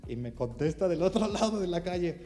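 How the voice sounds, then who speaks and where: A pastor with a Mexican accent tells a story in an animated way. He acts out the dialogue and fills his speech with fillers. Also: high voice, fairly quick, long reverb tail, soft background music. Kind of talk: storytelling testimony.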